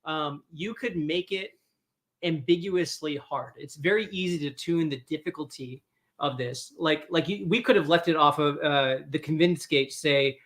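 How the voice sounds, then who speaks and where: A man's voice: a little high, normal speed, fairly bright tone. A man from the dev team explaining design ideas in casual talk, restarting sentences as he goes.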